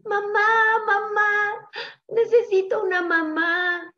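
A woman's voice: high voice, very animated, takes it slowly, lo-fi sound, voice pushed up, heavily acted. A woman voicing a tiny, lonely boy chick searching for a mother, with an eager, pleading manner. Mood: tearful.

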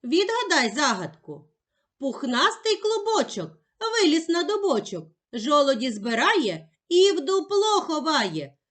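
A woman teacher giving a slow, clearly articulated lesson for young children. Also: sits high, big pitch swings, a bit bright.

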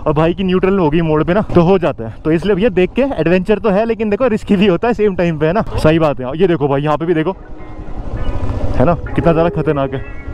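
A young man, chatting excitedly to viewers while out on a windy hilltop. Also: on the high side, quick pace, muffled recording, soft background music. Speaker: travel vlogger. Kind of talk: casual vlog chat.

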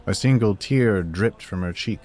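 A man narrating a fan fiction story in an even, measured reading. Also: fairly low pitch.

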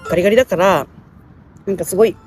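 A woman's voice: on the low side, rapid-fire, a little mellow, faint music behind. A woman vlogger rambling casually to the camera outdoors. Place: outdoors, street and grassy riverbank. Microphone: phone or camera at short distance.

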